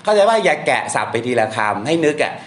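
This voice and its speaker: A man's voice: fairly high pitch, big pitch swings, fast. A man teaching Thai-to-English translation to a class, blunt and casual, quizzing students and swearing offhand. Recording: echoey room, faint background noise.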